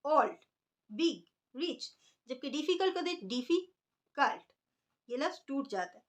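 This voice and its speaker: A woman with a high-pitched voice teaches an English grammar lesson, explaining patiently and drawing out example words as she writes them.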